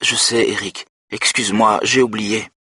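Husky, higher-voiced woman, rueful and pleading, busy with her gallery, put on by a male narrator. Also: fairly even intonation, moderate pace, sharp tone, dry recording. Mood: apologetic. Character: distracted apologetic woman, busy gallery owner. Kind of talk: audiobook narration.

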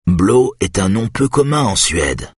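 A man's voice: on the low side, big pitch swings, measured pace, breathy edge, no echo, full character voice. Man doing a dry, confident cop. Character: dry, confident male police officer.

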